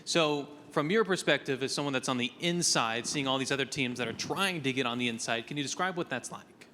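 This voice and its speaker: A male TV reporter asking a question quickly at a press conference. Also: medium pitch, pushed and bright. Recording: distant from mic in echoing hall with faint room noise.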